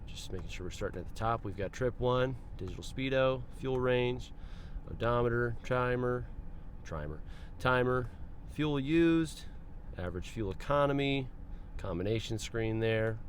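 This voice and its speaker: Man, mid pitch, casual dealership walkaround, chatty asides, faint street noise outdoors. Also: lively intonation, normal speed. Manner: friendly, chatty, remarks to himself as he goes. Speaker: car dealership presenter. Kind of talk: casual vehicle walkaround narration. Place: outdoors around a car, then inside it.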